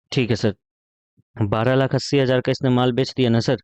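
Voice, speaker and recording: A man's voice: medium pitch, fairly even intonation, unhurried, gravelly, darkish tone, no echo. A man voicing his own cheeky class of pupils, who answer and tease their teacher. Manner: cheeky, pleading with sir.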